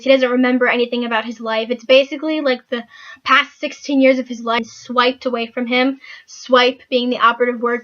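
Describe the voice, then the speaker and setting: A woman's voice: on the high side, a bit bright. A young woman chatting casually through a book review, rambling with lots of filler words. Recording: dull lo-fi recording.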